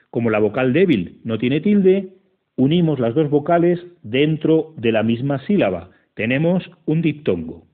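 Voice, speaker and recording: Man narrating a phone-thin grammar lesson. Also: mid-range voice. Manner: slow, methodical, counting syllables aloud. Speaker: teacher. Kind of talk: scripted educational narration. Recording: tinny phone-like audio.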